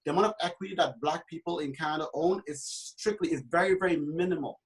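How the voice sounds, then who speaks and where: The audio is poor as a realtor from Trinidad and Tobago speaks fast in a voice on the high side. He is passionate on the panel, though he keeps restarting and filling gaps with fillers.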